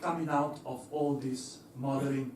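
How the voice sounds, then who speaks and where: An engineer gives a talk to an audience in a roomy, echoey lecture hall, his voice heard from far off with a little hiss or hum. Medium-pitched, steady, and a little mellow at normal speed, he sounds hesitant, laughs easily, and uses many fillers and restarts.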